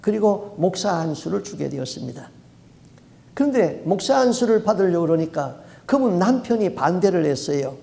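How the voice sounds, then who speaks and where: A man preaches a sermon as pastor of his church. His voice sits high but sounds mellow and soft-edged. He tells stories, puts questions to the listeners and hammers on key words. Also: very animated, normal speed, vocal fry. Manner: storytelling preacher asking rhetorical questions; emphatic, repeats key words.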